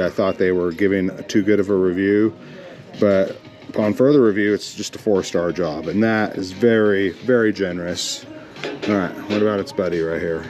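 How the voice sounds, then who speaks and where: A man's voice: on the low side, a little mellow. A man narrating his thrift shopping in a casual vlog, rambling and joking as he addresses viewers as friends. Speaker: thrift reseller vlogger.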